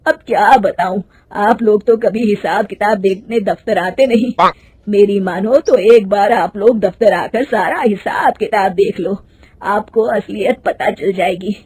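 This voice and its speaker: A woman voicing a kindly, worried old male accountant in a cartoon story, friendly and calling out loudly. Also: mid-range voice, measured pace, slightly rough, dry recording. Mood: concerned.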